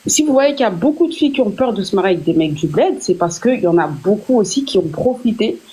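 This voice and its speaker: A woman's voice: medium pitch, expressive, fast, mellow, slightly rough. A young French woman, a guest on a live stream, speaking in candid, earnest casual chat with fillers and restarts. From France.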